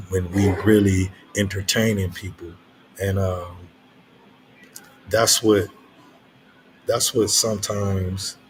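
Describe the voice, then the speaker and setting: Older male host, unhurried and deep, thinking aloud in a casual late-night monologue with repeated phrases. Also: slight background noise, poor audio. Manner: reflective, halting, repeats phrases for emphasis.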